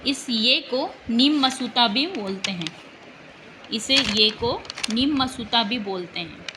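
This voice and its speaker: A woman's voice: a little high, animated, slow pace, noisy background. A woman teacher giving an exam-prep language lesson, patiently repeating example words and checking in with her students.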